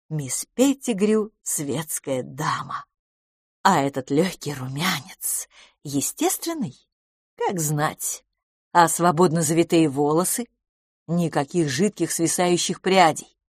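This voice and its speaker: A woman reads an audiobook in an expressive, gently ironic way, close to a studio microphone. Her voice sits on the low side but moves in lively curves. The recording is dry with no room echo. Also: breathy edge. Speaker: audiobook narrator. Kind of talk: scripted audiobook narration.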